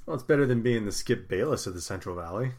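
A man's voice: fairly low pitch, expressive, fast talker, darkish tone. Wry, self-deprecating man on a sports podcast. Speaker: podcast co-host. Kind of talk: casual sports podcast chat.

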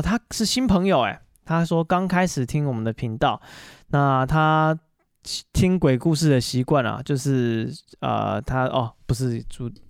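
A man hosting a podcast, casually telling stories alone and pausing on fillers as he goes. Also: on the high side, smooth, no echo, clean studio sound. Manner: chatty, animated retelling full of fillers. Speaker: podcast host. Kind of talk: casual solo storytelling monologue.

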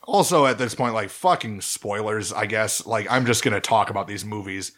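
Casual podcast co-host, male, lower voice, swears freely, rambles enthusiastically. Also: normal speed, a bit bright. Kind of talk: casual chat.

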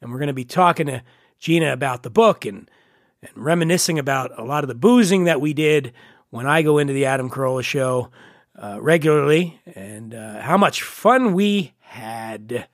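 A man's voice: medium pitch, expressive, normal speed, no room sound, clean studio sound. Congested, nasal male podcast host. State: congested with a head cold. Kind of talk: casual chatty monologue.

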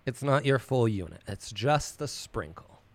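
A man's voice: medium pitch, expressive, a little slow, dry recording. A man co-hosting a sports betting show with casual, playful, jokey banter.

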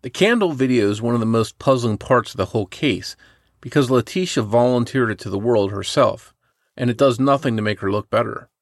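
A man co-hosting a podcast, reading a true crime story from a script in a measured way. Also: medium pitch, no room sound, studio quality. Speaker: podcast co-host.

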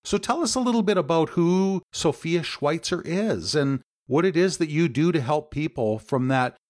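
A man's voice: on the high side, lively intonation, normal speed. A man hosting a podcast interview, complimentary and encouraging toward his guest. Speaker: podcast host.

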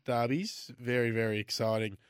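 Cheeky young Australian co-host. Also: male voice, medium pitch, fairly even intonation, moderate pace, clean tone, dry recording, clean studio sound. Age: 20s. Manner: cheeky, chatty. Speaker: radio co-host. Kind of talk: casual radio banter.

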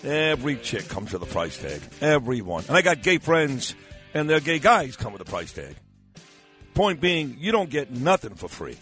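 Brash, animated New radio host, male. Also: mid-range voice, normal speed, faint music behind. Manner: brash, blunt, teasing. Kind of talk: casual call-in radio banter and ad reads. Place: radio studio. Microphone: close studio microphone.

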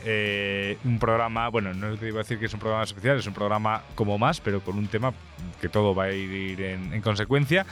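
A man's voice: lowish voice, fairly even intonation, fairly quick, fairly bright tone, soft background music. A man hosting a podcast, chatting casually in a joking, self-mocking, rambling way. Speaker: podcast host.

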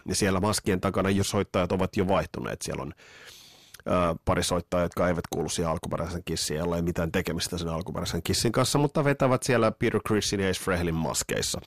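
A man's voice: low voice, no echo, clean studio sound. A middle-aged man hosting a podcast, talking casually in a nostalgic, opinionated way with sarcastic asides. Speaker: podcast host. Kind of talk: casual monologue.

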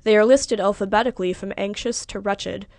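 A woman reading literary fiction aloud in a measured, even narration. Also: medium pitch, creaky, no echo, studio quality. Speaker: reader.

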